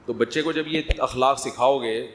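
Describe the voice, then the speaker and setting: A man's voice: mid-range voice, noisy background. A middle-aged man, preaching in a conversational sermon, prodding listeners for answers and joking. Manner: conversational, humorous, prods the audience for answers. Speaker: religious scholar.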